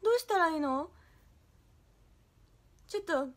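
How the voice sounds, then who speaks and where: A woman's voice: very high-pitched, expressive, measured pace. A young woman hosting a livestream, chatting playfully and bashfully with viewers and giggling as she reads their comments. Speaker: idol livestream host.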